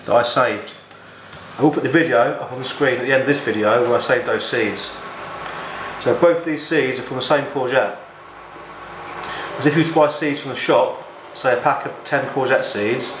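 A man's voice: medium pitch, reverberant, a little hiss or hum. A man, explaining a gardening experiment step by step in a matter-of-fact way. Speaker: gardening vlogger. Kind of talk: casual how-to explanation. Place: small room indoors, then back garden.

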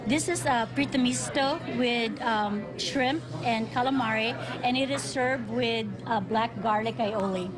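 A woman's voice: on the high side, measured pace, hardly any pauses, music in the background. A woman who owns a cafe, talking casually in an interview, friendly and hesitant with fillers. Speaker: cafe owner. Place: indoor cafe. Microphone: reporter's handheld mic.

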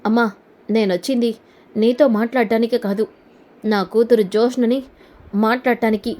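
A woman's voice: fairly high pitch, fairly even intonation, moderate pace, lightly acted. A woman voicing an angry middle-aged man. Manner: forceful, accusing.

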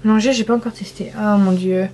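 A woman's voice: medium pitch, steady tone, fast, dark tone. A young woman from France chatting casually through a makeup swatch review, enthusiastic and self-mocking. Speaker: beauty vlogger.

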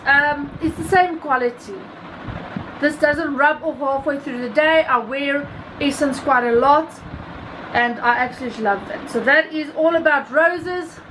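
A woman in her thirties with a South African accent, giving a rambling, casual product review as a beauty vlogger, often correcting herself. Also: sits high. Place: small room indoors. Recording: clearly noisy home recording, ambient hum.

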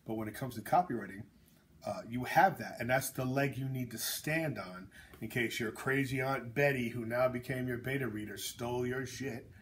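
A man's voice: medium pitch, normal speed. A man, an author hosting a casual chat, talking bluntly and jokingly with lots of fillers and tangents. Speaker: author and host.

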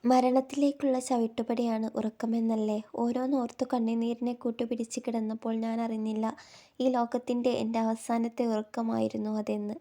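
A woman narrating an audio novel in a soft, sorrowful manner. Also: a little high, little pitch movement, moderate pace.

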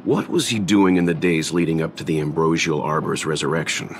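A deep, calm investigator. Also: male voice, a little hiss or hum. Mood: serious. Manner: measured and steady, gently correcting. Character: calm, serious older male investigator. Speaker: game character. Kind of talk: video game voice acting.

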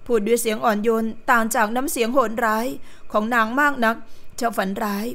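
A woman narrates a period romance audiobook with steady, even storytelling. Her voice sits a bit high. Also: quick pace.

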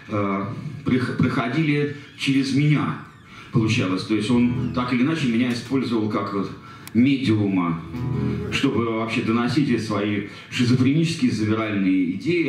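A middle-aged man performing songs with a guitar in a small jazz bar, talking in a rambling, hesitant way between verses. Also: medium pitch. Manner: rambling fast spoken intro with hesitations, then sung verses. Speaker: singer-songwriter with guitar. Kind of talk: live song performance with spoken intro. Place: small jazz bar in front of a seated audience. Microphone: stand mic, filmed by a far camera. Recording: live room echo with loud band.

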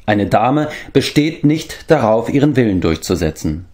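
A sly, quick-witted young princess, teasing and matter-of-fact, her voice lifted well above a man's own, as an audiobook narrator puts her on. She speaks with animated, rising lines in a storybook reading. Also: mid-range voice, pitched above the performer's own voice. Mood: arch.

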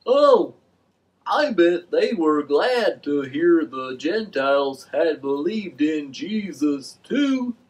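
For a children's puppet show, a man voices Fred, a slow, mellow, curious and simple talking fish puppet with a drawl. His voice is on the high side, very animated and slow, in a low-quality recording.

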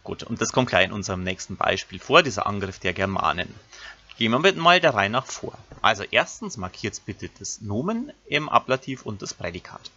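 A lower-pitched man teaches a recorded grammar lesson, walking his pupils through each step. His voice is husky yet bright and forceful. The recording sounds dull and lo-fi. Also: sing-song, a little fast. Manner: explains step by step, addressing pupils directly. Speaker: Latin teacher.

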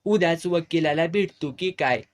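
A man's voice: on the high side, moderate pace, close to an everyday voice. A man voicing a practical, firm village man who served as a soldier, in a storybook reading. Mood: teasing.

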